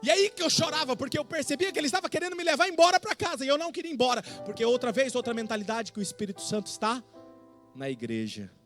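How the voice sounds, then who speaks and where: Middle-aged Brazilian male pastor, very high and animated voice, dramatic testimony sermon with soft church music behind. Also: very fast. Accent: Brazilian Portuguese. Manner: dramatic, swinging from hushed to shouting.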